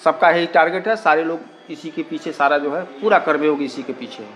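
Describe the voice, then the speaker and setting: In a fairly bright, somewhat high voice and at a slightly fast pace, a community radio representative answers an interviewer's questions. His explanations are repetitive, and his Hindi is laced with English words and fillers.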